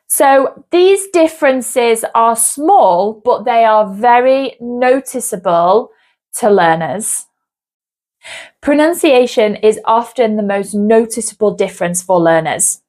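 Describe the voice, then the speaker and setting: A woman with a British accent teaching an English lesson, speaking clearly and deliberately as she models each word. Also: a little high, animated, darkish tone. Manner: slow, clear and deliberate, modelling words carefully. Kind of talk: scripted lesson.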